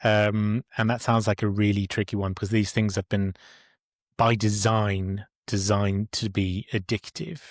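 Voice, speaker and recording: A man hosting a podcast interview in a casual way, often pausing with fillers and restarting his sentences. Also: fairly low pitch, level tone, dry recording, clean studio sound. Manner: hesitant, many fillers and restarts. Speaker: podcast host.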